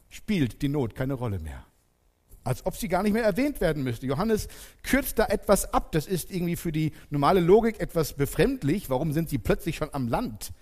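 A man preaching a sermon. He talks straight to his congregation and uses dramatic pauses, dropping soft and then building loud. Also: on the high side, big-room sound.

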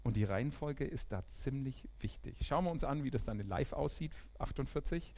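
A man preaching a sermon in a church, animated, swinging from loud emphatic peaks to quiet, near-whispered asides. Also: mid-range voice, brisk.

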